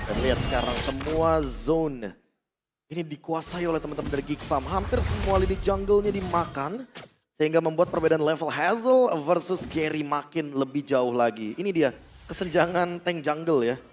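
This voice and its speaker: A man's voice: a little high, normal speed, noisy background. A man with an Indonesian accent working as an esports caster, giving emphatic, explanatory analysis of the match. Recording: music behind the voice.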